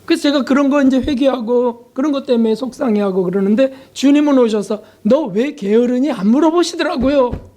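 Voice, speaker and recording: A male pastor preaching a sermon, confessional and emotional, with pauses, sudden soft drops and rhetorical questions to the congregation. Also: extremely high pitch.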